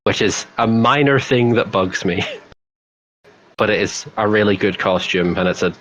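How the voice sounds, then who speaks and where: A man's voice: lowish voice, moderate pace, a bit bright, lo-fi sound, slight background noise. A man from Northern Ireland with a Northern Irish accent, a podcast guest making blunt, dry remarks. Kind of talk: casual chat.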